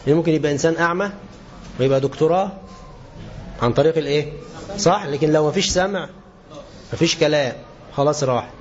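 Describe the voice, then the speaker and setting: A man with an Egyptian Arabic accent giving a colloquial religious lesson, often asking his listeners questions and slowing down to stress quoted verses. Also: on the high side. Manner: lively, asks the class questions and answers them; slows down and stresses scripture quotes. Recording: dull lo-fi lesson recording with faint hiss.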